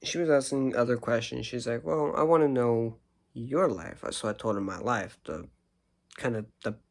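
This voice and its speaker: Sleepy young guy vlogging late, gravelly voice, rambly storytelling. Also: mid-range voice, moderate pace. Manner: rambling, restarts sentences. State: sleepy, yawning. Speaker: YouTuber. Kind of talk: casual storytelling vlog.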